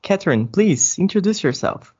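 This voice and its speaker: A man's voice: high-pitched, sing-song, moderate pace, darkish tone, husky. A man hosting a podcast, introducing his guest with enthusiasm and loose phrasing. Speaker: host. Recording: muffled lo-fi audio.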